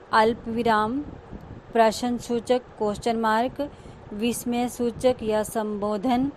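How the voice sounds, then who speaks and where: A woman's voice: fairly high pitch, a little mellow, a little hiss or hum. A woman school teacher giving a grammar lesson, explaining each term and repeating key words.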